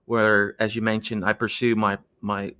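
Earnest Peruvian-born man, halting speech. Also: fairly low pitch, level tone, sharp tone, clear, resonant tone. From Peru. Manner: earnest, halting with many restarts. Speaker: guest, architect. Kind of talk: podcast interview.

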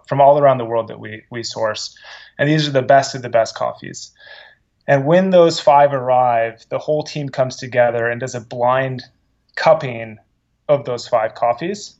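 A man's voice: mid-range voice, moderate pace, dull audio. A man who runs a coffee company, telling stories in an interview with eager restarts. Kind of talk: casual interview answers.

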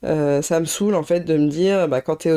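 A woman's voice: sits low, normal speed, mellow, smooth. A woman hosting a podcast, telling a personal story in a reflective, hesitant way with frequent filler sounds. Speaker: podcast host.

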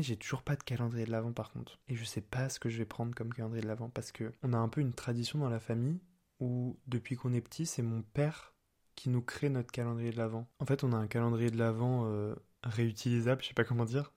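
A man's voice: mid-range voice, warm tone. A young man hosting a casual solo podcast, chatty and playful, using slang and laughing often. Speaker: podcast host. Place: apartment.

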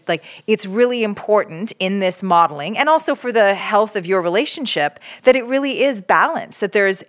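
A woman hosting a casual talk on relationships, explaining things step by step with frequent restarts. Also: fairly low pitch. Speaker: podcast host giving relationship advice. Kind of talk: casual conversation.

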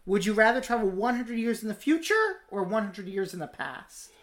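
A woman's voice: mid-range voice, a little fast. A woman co-hosting a casual podcast, trading dry, jokey banter. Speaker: podcast co-host.

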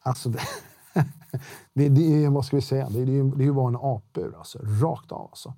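A man's voice: mid-range voice, gravelly, mellow, no echo, clean studio sound. A middle-aged man talking as a podcast guest, blunt and slangy, swearing freely and restarting often. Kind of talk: casual interview talk.

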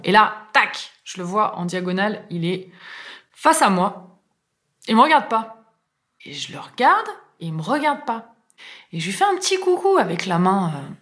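With a mid-range, fairly bright voice, a middle-aged woman shares a personal anecdote in a chatty, informal way. Her telling is full of fillers and acted-out quoted dialogue.

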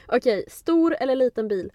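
A woman co-hosting a casual podcast chat over a phone call, speaking in an animated, outspoken way and swearing for emphasis. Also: high-pitched, no echo, studio quality. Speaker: podcast co-host. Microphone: phone on a call with a poor connection.

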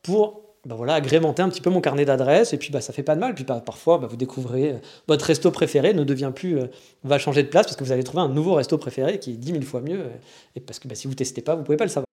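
A man's voice: medium pitch, quick pace, dark tone. A man from France with a French accent, talking in a rambling, frank, slangy casual monologue. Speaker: vlogger living in Japan.

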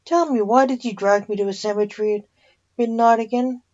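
A woman's voice: a little high, fairly even intonation, a little fast, a little mellow, natural voice. Woman reading as a scared young skeptic. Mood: frightened. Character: young male skeptic, frightened. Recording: dull lo-fi.

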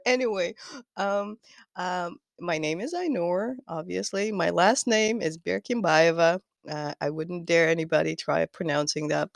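Rambling Kazakh-accented woman, low creaky voice. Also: unhurried, no echo, clean studio sound. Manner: rambling, laughs often, self-interrupting. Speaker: guest knitwear designer. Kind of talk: casual interview chat.

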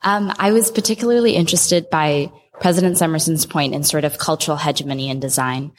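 Young woman from Singapore, low voice, questioning from the floor of a reverberant hall. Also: brisk, a little hiss or hum. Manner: thoughtful, hedging with "sort of". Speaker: audience member asking a question. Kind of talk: audience question at a live panel.

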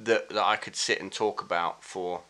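Guy from reading rambling on a podcast, lowish but bright voice, very informal. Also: fairly even intonation, moderate pace. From Reading, England. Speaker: podcast guest. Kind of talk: casual chat.

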